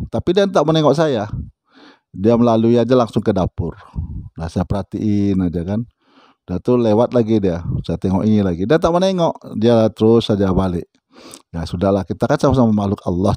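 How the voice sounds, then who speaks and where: A man recounts a personal experience in a casual, conversational way, often turning to the listener with little asides. His voice is lowish and mellow, with no room sound.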